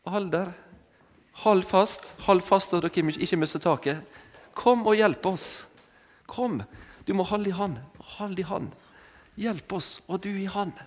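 A man preaching an interactive sermon with props, calling volunteers forward and coaxing them with short repeated commands. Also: high voice. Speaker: preacher leading an object lesson with volunteers. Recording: long hall reverb.

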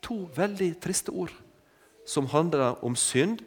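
Calling volunteers forward and prodding them with short repeated commands, a man preaches an interactive sermon built around props and an object lesson. His fairly high voice is animated with a breathy edge, and the sound carries long hall reverb.

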